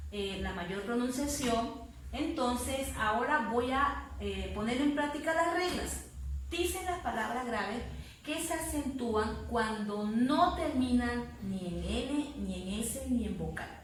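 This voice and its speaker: A woman's voice: on the high side, far from the mic. Patient woman teacher in an echoey room. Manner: patient, slow and explanatory, repeating words syllable by syllable. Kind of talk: spanish grammar lesson to students. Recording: very echoey room, voice off-mic with faint noise.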